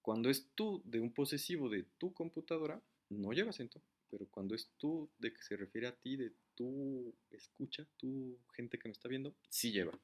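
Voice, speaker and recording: A man's voice: mid-range voice, lively intonation, brisk, hardly any pauses. A man giving a casual, step-by-step grammar lesson while writing on a board. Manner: casual, explains step by step, writes while talking. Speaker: teacher.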